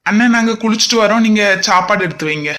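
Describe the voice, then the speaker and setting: A woman's voice: mid-range voice, quick pace, fairly bright tone, a little hiss or hum, natural voice. A woman playing a curt young husband. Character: young husband, brusque but caring. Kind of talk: cartoon voice acting.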